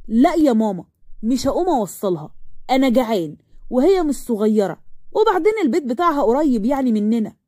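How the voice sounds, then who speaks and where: A woman's voice: a little high, big pitch swings, quick pace, dark tone, dry recording, clean studio sound. A woman voicing a cold, irritable young man with an Egyptian accent, talking curtly. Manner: cold, curt, exasperated.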